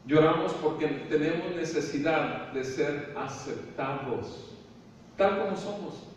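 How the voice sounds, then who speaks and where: High-voiced mexican preacher, lots of rhetorical questions, echoey church from far off. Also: male voice. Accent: Mexican Spanish. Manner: preaching with rhetorical questions, soft and slow at times. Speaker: pastor. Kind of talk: sermon. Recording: echoey hall from far off, faint room noise.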